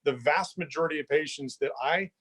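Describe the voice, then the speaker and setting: A middle-aged man, a chiropractor guest, explaining things in a steady, matter-of-fact way during a casual interview. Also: on the high side, a little fast.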